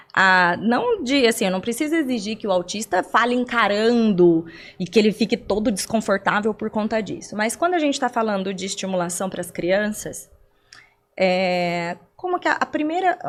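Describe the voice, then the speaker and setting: A woman's voice: mid-range voice, a bit bright. A young adult woman from Brazil, a guest on a podcast interview, explaining things at length with rhetorical questions and everyday examples.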